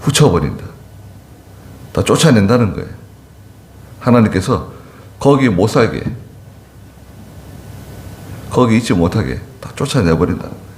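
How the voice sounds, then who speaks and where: A man with a fairly low voice delivers an expository sermon in a church sanctuary. He reads scripture and then unpacks it slowly, turning to ask the congregation questions. The room gives his voice a noticeable echo. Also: sing-song, darkish tone, slight background noise. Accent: Gyeongsang-Chungcheong border dialect roots. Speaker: pastor.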